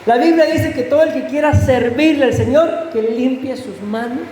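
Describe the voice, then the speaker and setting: A man's voice: extremely high pitch, moderate pace, darkish tone, slight background noise. A man preaching a fervent sermon as pastor, often asking his congregation questions. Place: church sanctuary. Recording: echoey church hall with faint ambience.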